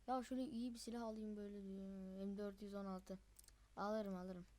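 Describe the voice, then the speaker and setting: A young gamer host with a mid-range voice gives live, chatty commentary over gameplay. He's excitable and quick to yelp when frustrated.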